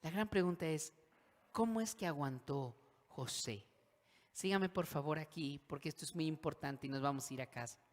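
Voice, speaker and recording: A man's voice: on the high side, moderate pace. A male pastor preaching a sermon, acting out voices of the characters and leading call-and-response with the congregation. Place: church hall. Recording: long hall reverb.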